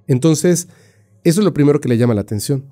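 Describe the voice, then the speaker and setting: A man with a very dark, mellow voice tells a story on a podcast. He keeps it casual and animated, leans on fillers and now and then imitates sounds with his mouth. Faint music plays underneath. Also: on the high side, fast talker.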